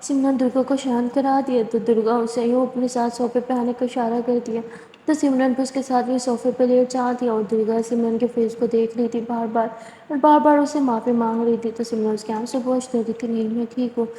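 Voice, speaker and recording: एक महिला भावपूर्ण, बातचीत वाले अंदाज़ में प्रेम कहानी सुनाती है।. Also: female voice, a little high, a little fast. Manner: expressive, conversational. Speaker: storyteller. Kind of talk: spoken love-story narration. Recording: echoey room reverb.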